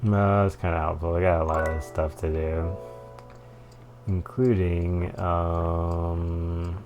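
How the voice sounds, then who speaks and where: A man commentates a game stream casually, cracking jokes at the characters. His voice is very low and gravelly. Game music plays behind him. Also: flat delivery, slow. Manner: jokey, reacts aloud to the game characters.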